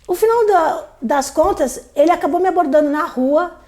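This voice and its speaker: A woman hosting a live stream, telling a story from her own life in a fairly high voice. She tells it with plenty of animation and acts out the voices of the people in it. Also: moderate pace, a little mellow.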